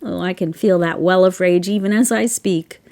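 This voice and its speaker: A woman's voice: lowish voice, normal speed, vocal fry, mellow. A woman in her fifties telling a personal story in a blunt, emphatic way, swearing freely and building to a passionate rallying call. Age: 50s. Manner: impassioned, rallying. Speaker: social media storyteller.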